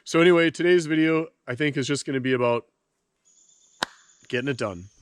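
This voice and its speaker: A man's voice: on the high side, a little fast, clear, resonant tone, no room sound, studio quality. Stuffy-nosed man rambling to camera. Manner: rambling, chatty, talks to viewers while working. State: stuffed up from a head cold. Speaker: homesteading vlogger. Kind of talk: casual vlog talk to camera. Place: outdoors at a rural homestead.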